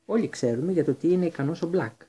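A man doing a smooth, pompous wizard minister. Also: a little high, animated, dark tone, a little hiss or hum, pitched above the performer's own voice, close to an everyday voice. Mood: confiding. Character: pompous middle-aged male wizard minister.

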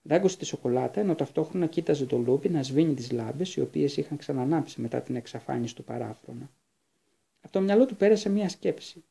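A male narrator reads a fantasy novel aloud in a steady storytelling manner. His voice is warm and dark, gravelly and somewhat husky, pitched a little high for a man. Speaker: audiobook narrator. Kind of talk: audiobook reading.

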